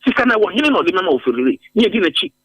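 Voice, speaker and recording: A man's voice: sits high, big pitch swings, racing, fairly bright tone, husky, dry recording, poor audio. A Ghanaian man giving emphatic commentary in a radio interview, repeating phrases for force. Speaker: interviewed policy analyst. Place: radio studio.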